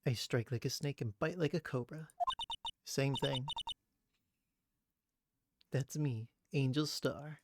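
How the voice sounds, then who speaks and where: A man's voice: mid-range voice, takes it slowly, long pauses, heavy background noise. A man voicing a boastful, sultry female ex-cop witness from a video game, playfully cute and predatory with coy growls. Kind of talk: video game character read-aloud. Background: loud game music.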